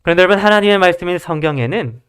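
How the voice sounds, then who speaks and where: A preacher giving a sermon in a formal, measured style, telling a story and speaking straight to the congregation with rhetorical questions. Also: mid-range voice, expressive, a bit bright, smooth.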